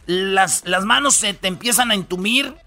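A man's voice: high-pitched, normal speed, sharp tone. A man with a Mexican Spanish accent hosting a radio comedy show, rambling through the news in slangy, jokey storytelling. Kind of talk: comic news rundown.

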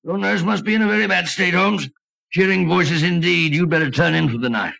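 A loyal, easily flustered older British doctor in a 1940s radio drama. His voice sits a little high with a bright, sharp edge. He blusters and hesitates nervously. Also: fairly quick, vocal fry, exaggerated voice. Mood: reassuring.

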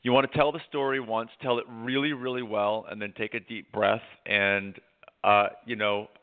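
An American man co-hosting a casual talk show, halting at times and repeating words for emphasis. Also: lowish voice, level tone. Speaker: co-host, journalist. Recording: tinny phone-like line.

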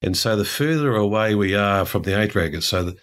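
A man's voice: on the low side, expressive, brisk, a bit bright. An older man from New Zealand explaining ideas in a discursive, chatty way, full of asides. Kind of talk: casual conversation.

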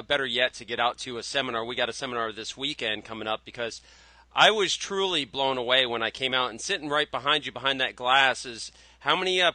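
A man hosts a casual interview with an intensely bright, forceful voice. The sound is dry, with hardly any room on it, and his pitch sits in an ordinary male range. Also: no echo. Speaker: show host.

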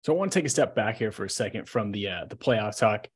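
Fast-talking male sports podcast host. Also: fairly low pitch, expressive, breathy edge. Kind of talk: casual interview.

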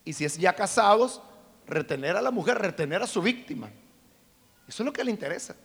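A man preaching a sermon, emphatic and dramatic, swinging from shouts to hushed tones. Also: sits high, animated, a little fast, husky. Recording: long reverb of a large hall.

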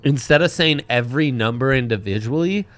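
A man's voice: mid-range voice, expressive, a little fast, fairly bright tone. An American man hosting a sports betting show in casual, bantering chat.

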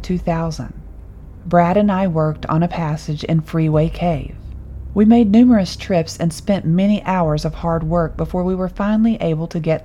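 A woman narrating a horror story in a calm, measured reading voice. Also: lowish voice, lo-fi sound.

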